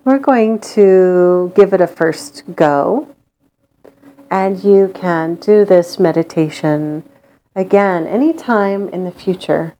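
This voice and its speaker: A woman leading a guided meditation in a calm, gentle, soothing manner with long pauses. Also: on the low side.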